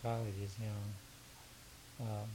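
This older man, an education consultant from the southern United States, speaks extremely slowly in a fairly low voice as he answers interview questions. He's casual but hesitant and rambling, repeating words often. The low-quality recording has a faint steady hiss.

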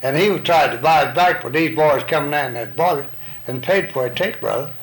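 A man's voice: fairly high pitch, normal speed, poor audio. An older man with a Southern accent from around Arkansas, giving folksy, plain-spoken answers in an informal interview. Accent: Southern US, Arkansas area.

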